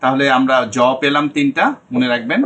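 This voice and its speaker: A young man leads an online pronunciation class. He repeats each sound several times and keeps checking in with his students. His pitch sits in the middle range. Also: fairly even intonation, fairly bright tone. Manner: explains slowly, repeats sounds, checks understanding. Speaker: English teacher. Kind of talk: online IELTS pronunciation lesson.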